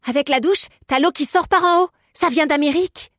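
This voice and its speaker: A woman voicing a cheeky, sharp-tongued young chambermaid who teases and mocks in an audiobook. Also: high voice, a little fast, no room sound, clean studio sound, pitched above the performer's own voice. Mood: teasing. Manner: teasing, laughing, sharp-tongued. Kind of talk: audiobook character voice.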